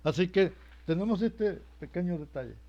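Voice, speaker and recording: A man's voice: high-pitched, expressive, moderate pace, a little mellow. A man giving a religious teaching, hesitant, repeating words and asking himself rhetorical questions. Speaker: preacher. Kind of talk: sermon-style religious teaching. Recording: muffled lo-fi recording.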